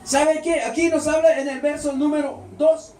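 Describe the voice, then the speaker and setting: High-voiced fervent preacher in an echoey hall. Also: male voice, little pitch movement, normal speed, darkish tone, a little hiss or hum. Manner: fervent, with rhetorical questions to the congregation. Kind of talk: Spanish-language church sermon. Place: church hall with a congregation. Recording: echoey hall, voice picked up from a distance.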